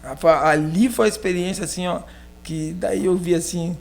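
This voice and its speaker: A man's voice: sits high, steady tone, normal speed, vocal fry, darkish tone. A man with a southern Brazilian accent from Rio Grande do Sul, a pastor casually telling a personal story on a podcast in a rambling, filler-heavy way. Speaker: pastor being interviewed.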